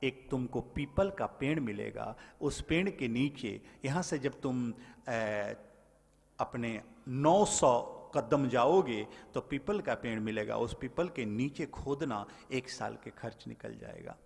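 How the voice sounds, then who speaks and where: A man voicing a calm, wise swami who gives quiet, low instructions in a sermon story. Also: slow, vocal fry, slightly rough, exaggerated voice. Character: calm wise male swami granting a wish. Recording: long hall reverb.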